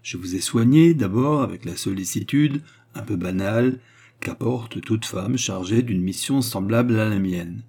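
A man reading the lines of a young woman who feigns repentant love, in an earnest, softly dramatic tone. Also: on the low side, measured pace, breathy edge. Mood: pleading. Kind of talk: audiobook character reading.

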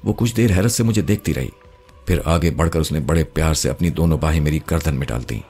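A man narrating a novel in the first person in a measured, brooding way, with faint music behind. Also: rumbling low, mellow, slightly rough.

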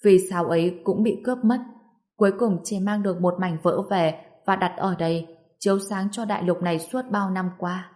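A man's voice: high-pitched, steady tone, normal speed, darkish tone, lightly acted. A woman reading the part of a kindly older male clan elder in a storybook, in a plain, explaining way.

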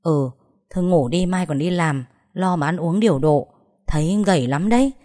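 A woman voicing a caring middle-aged mother in a read-aloud story, speaking gently and advising. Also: fairly low pitch, normal speed, natural voice.

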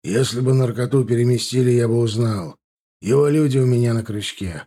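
A man's voice: mid-range voice, a little fast, warm tone, natural voice. A man voicing a cool gangster who answers in a level, dry, terse way. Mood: flat. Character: cool, dry male gangster, even-voiced.

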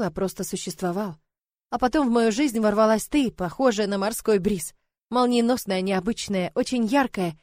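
A woman voicing a gentle grown man, a widowed father speaking softly and earnestly. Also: mid-range voice, dry recording, lightly acted.

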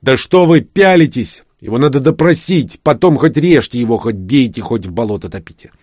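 A fierce, vengeful young woman fighter, as a male audiobook reader puts her on spits out scornful, hissing lines. The voice sits higher than the reader's own low tone. The sound is close and dry. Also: animated, moderate pace, darkish tone, no echo, close to an everyday voice. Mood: harsh, scornful.

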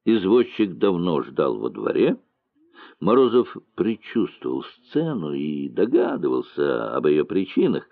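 A man narrating a novel as an audiobook in a measured, expressive reading, in a dry, tinny recording. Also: sits low, vocal fry, no room sound. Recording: dry, tinny narrow-band sound.

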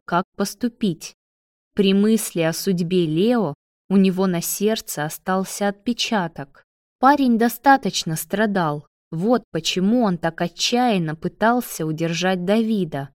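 A woman narrating an audiobook in an even, measured way. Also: mid-range voice, no room sound, clean studio sound.

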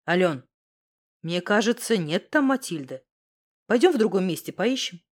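A woman voicing a nervous young man who talks low, anxious and insistent. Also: expressive, normal speed. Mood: worried.

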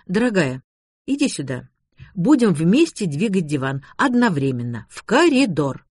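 Woman voicing a dry, patient, exasperated middle-aged man in a lowish, close audiobook read. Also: sing-song, normal speed, a little mellow, breathy edge, no echo.

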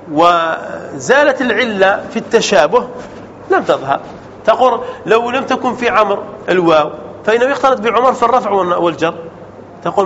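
A man teaching an Arabic grammar lesson as a sheikh, explaining rules and quizzing his students with quick questions. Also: high voice, fairly bright tone. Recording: dull lo-fi sound with faint noise.

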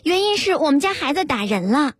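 A woman's voice: high voice, very animated, a little fast. A woman radio host, telling comic stories in the first person over background music. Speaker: radio host reading jokes. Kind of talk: scripted comic storytelling. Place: radio studio.

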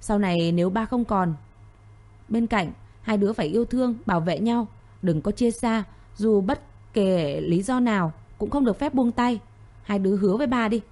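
A woman voicing a frail, loving old father in an audio story. She speaks in her own mellow voice, warm and earnest. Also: medium pitch, normal speed, lightly acted. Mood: tender urging.

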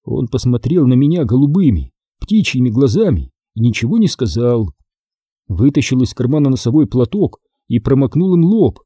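A man narrating a story in a steady, even audiobook reading. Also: medium pitch, normal speed, husky, dry recording, studio quality.

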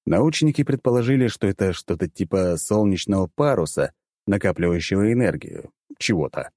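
A man narrating a first-person audiobook in a wry, offhand voice that slips into crude slang. His voice sits low and dark. The close studio microphone keeps the sound dry and free of any room. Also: expressive, fairly quick, dry recording.

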